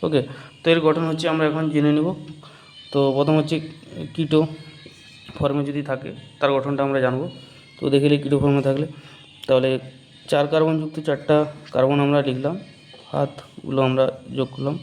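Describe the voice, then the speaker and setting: A man with a somewhat high voice and a Bengali accent leads a lesson. He poses questions, answers them himself, and says each key term slowly and more than once. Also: flat delivery, a little mellow. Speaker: biology teacher. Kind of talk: whiteboard chemistry lesson.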